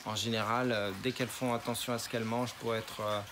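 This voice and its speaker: In an interview, a spirulina farmer patiently walks through his process step by step. His medium-pitched voice is flat and fast. Noisy ambient sound fills the background.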